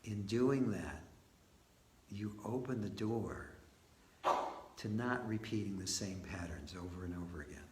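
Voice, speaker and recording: A man with a fairly low voice leads a live guided meditation in a roomy, echoing space with faint background noise. He talks very slowly in short phrases, offering gentle invitations phrased as questions, with long pauses between them.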